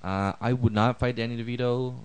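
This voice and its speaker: A man's voice: mid-range voice, steady tone, brisk, a little hiss or hum, poor audio. A young man hosting a casual podcast chat, joking and slipping into silly voices. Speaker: podcast host.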